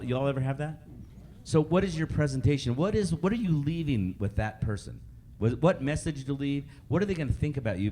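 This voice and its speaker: Mellow-voiced man leading a training session. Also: mid-range voice, a little hiss or hum. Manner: repeats points and quizzes the audience. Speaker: customer service trainer. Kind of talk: live training talk to a group. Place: meeting room with a live audience.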